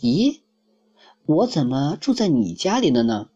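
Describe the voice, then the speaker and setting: A man's voice: a little high, very animated, unhurried, dark tone, breathy edge, highs cut off, voice pushed up, heavily acted. A man voicing a simple, cheerful young male wolf in a storybook, with a raised, eager voice.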